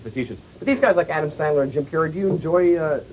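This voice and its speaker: Hammy talk host on a worn VHS tape. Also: male voice, fairly high pitch, animated, rapid-fire, a little mellow, poor audio. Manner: rambling, self-mocking, stumbles over questions. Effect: worn VHS tape copy with faint hiss. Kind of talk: loose comedic interview. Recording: faint tape hiss from an old VHS copy.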